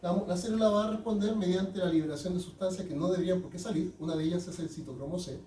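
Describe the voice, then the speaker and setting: Lecturing fast in a high, dark-toned voice, a male teacher frequently checks in with his students through questions. The recording comes from a distance in an echoey classroom, carrying a little hiss or hum.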